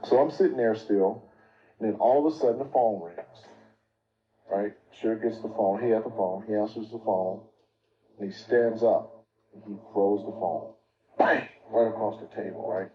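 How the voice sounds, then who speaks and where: Low-voiced man telling a story. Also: moderate pace, muffled recording. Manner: vivid narration, acting out quoted people. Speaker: interview guest recounting events. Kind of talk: casual storytelling.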